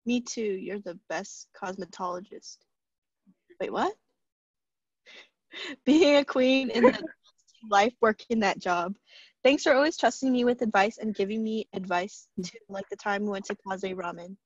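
A young adult woman casually reads tributes aloud over a video call from an indoor room at home. Her mid-range voice is husky and a little slow, with frequent pauses. The laptop mic gives dull, lo-fi call audio with no echo.

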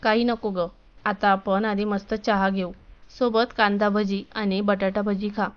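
A woman voicing a caring, gentle middle-aged mother-in-law in a story reading. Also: medium pitch, level tone, measured pace, clean tone, close to an everyday voice. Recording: dull lo-fi recording.

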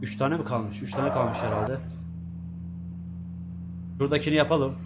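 A man's voice: mid-range voice, normal speed, over loud music. A man giving casual let's-play commentary, chatting to himself and swearing at the game's characters. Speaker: gaming YouTuber.

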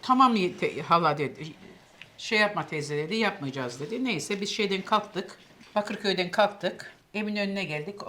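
A woman's voice: mid-range voice, a little hiss or hum. An older woman, casually telling a long anecdote and acting out what others said. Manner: lively storyteller, acts out quoted voices. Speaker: cooking show host telling a story.

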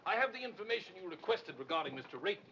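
A jolly, affected upper-class English theatrical manager, his high voice bright and bouncing up and down. He talks in clipped, chirpy stock phrases. It comes through a dull, hissy old film soundtrack. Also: sing-song, racing, heavily acted. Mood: polite.

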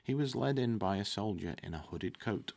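A man in his thirties with a low, creaky, slightly mellow voice reads a fantasy novel with lively intonation at a moderate pace. He sits at a desk in a room hung with curtains, close to a desktop mic in front of him. Every so often a word trips him up and he corrects it.

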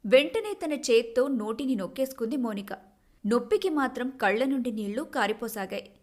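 A woman storyteller giving scripted, expressive narration of a family story. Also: fairly high pitch, fairly quick.

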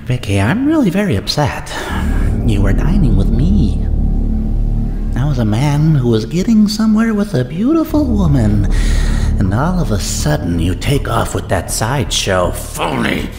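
A man's voice: medium pitch, very animated, normal speed, music in the background. A man playing a menacing, mad criminal in an audio drama, with a theatrical, mocking delivery.

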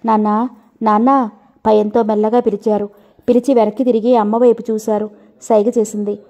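A woman's voice: medium pitch, flat delivery, a little fast, dark tone, lo-fi sound. A woman narrating an old family novel as an audiobook, telling the story steadily and speaking every character in her own voice.

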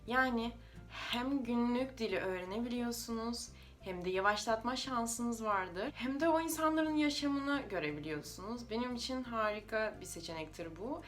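A woman's voice: fairly high pitch, lively intonation, moderate pace, faint music behind. A native Russian woman with a Russian accent explains things informally to viewers in a foreigner's slightly unidiomatic Turkish. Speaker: language-learning video creator.

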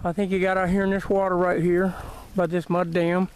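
A man with a Southern US accent and a fairly high voice talks casually through a hunt. He is filming outdoors with a handheld camera, and there is faint noise behind him. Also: monotone, brisk, low-quality recording. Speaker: hunter filming a rabbit hunt. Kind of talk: casual running commentary. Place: outdoors in brushy woods. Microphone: handheld camera held by the speaker.

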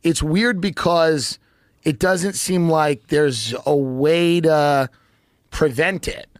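An American man in his thirties, appearing as a podcast guest, chats casually with sardonic jokes. His voice is on the high side and slow-paced. He's recorded in an indoor studio on a close dynamic mic on an arm, wearing headphones, with clean sound and no room ambience.

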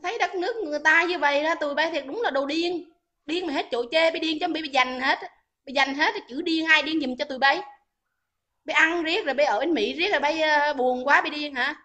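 High, bright woman, taunting livestream rant. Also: a little fast. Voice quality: scolding, taunting, repeats questions. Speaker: livestream host. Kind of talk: heated livestream arguing with commenters.

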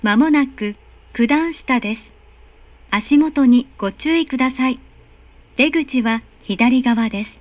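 This is a recorded announcement inside a subway car: a woman with a high, polite voice speaks slowly, enunciating each formal phrase with care. The dry audio is a bit muffled, as if picked up from the carriage speaker.

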